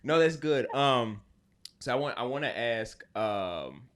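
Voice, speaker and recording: Laid back guy hosting a podcast, lots of yeahs and mm-hmms, medium pitch. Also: expressive, slow pace, fairly bright tone. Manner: easygoing, laughs along, many back-channel replies. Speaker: podcast host. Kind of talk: casual interview.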